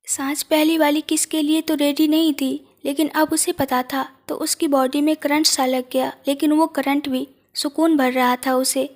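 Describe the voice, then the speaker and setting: A woman narrating a romantic audio story in a soft, even storytelling voice. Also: high-pitched.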